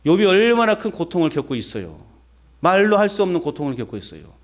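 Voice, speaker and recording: A man preaching a sermon as pastor, animated, with folksy rhetorical questions and call-and-response with the congregation. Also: sits high, quick pace.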